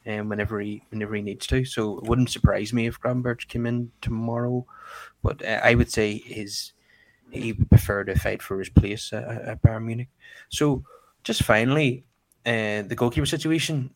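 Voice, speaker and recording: A man with a slightly low voice hosts a casual football discussion. His delivery is hesitant and searching, and the sound is dry with no room echo. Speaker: host of a football fan channel.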